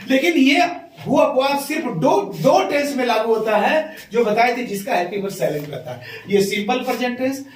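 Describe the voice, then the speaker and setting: A man teaches an English grammar lesson in a very high voice, repeating key terms and walking learners through each step. He sounds set back from the microphone. The room around him is echoey. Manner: explains step by step, repeating key words and asking learners to follow. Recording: echoey room, voice from far off the mic.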